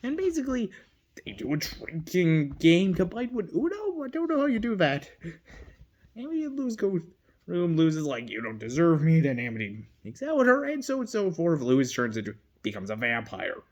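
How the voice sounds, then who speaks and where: Talking casually about fandom, this video creator wanders from point to point, giggly and full of self-corrections, asides and bursts of laughter. Their mid-range voice swings hugely in pitch at a moderate pace.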